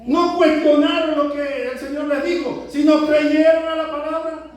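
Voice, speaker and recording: A male pastor preaching with an unusually high voice, putting rhetorical questions to his flock. He sounds set back from the mic, and the church around him rings with heavy echo. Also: flat delivery, moderate pace. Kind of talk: sermon. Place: church sanctuary. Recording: echoey church from a distance.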